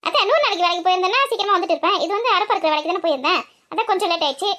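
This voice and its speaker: A woman's voice: very high voice, animated, racing, pushed and bright, full character voice. A woman voicing a flustered, defensive working daughter-in-law in a comic family skit.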